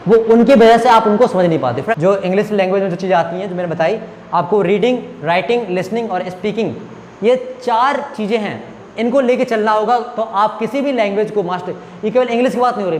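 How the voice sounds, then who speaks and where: High-pitched and echoing in a large hall, a native Hindi speaker lectures a class on spoken English. He breaks things down step by step and keeps making sure his students are keeping up. Faint hiss or hum can be heard.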